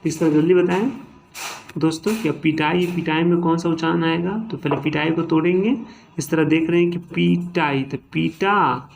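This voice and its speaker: This man sounds gravelly and darkish, with a pitch on the high side and slight background noise. Teaching grammar in a classroom style, he breaks words down syllable by syllable and keeps checking in with "ठीक है" and "है ना."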